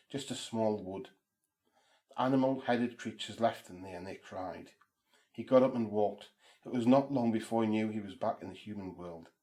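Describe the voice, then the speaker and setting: A man's voice: on the low side, warm tone. A man speaking as a horror host, telling spooky material in a solemn, theatrical, incantatory way. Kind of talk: spooky scripted narration and ritual chanting. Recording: roomy, echoing sound.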